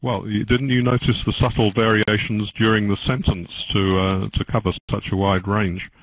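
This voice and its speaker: An older man commentating on a bridge match, dry and joking, halting with many fillers. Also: fairly low pitch, flat delivery, dry recording, rough recording.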